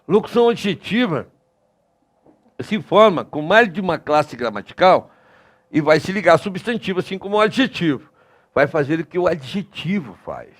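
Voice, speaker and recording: Lively, emphatic male grammar teacher. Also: a little high. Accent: Brazilian Portuguese. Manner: lively, emphatic, addresses students with many tag questions. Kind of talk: recorded online lesson.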